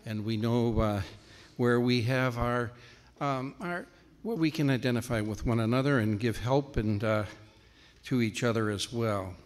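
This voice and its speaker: A man introduces the next musical piece at a church service, speaking slowly and stumbling over fillers. His voice rings with the long reverb of a large hall. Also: medium pitch. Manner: halting, with many fillers and restarts. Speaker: program announcer.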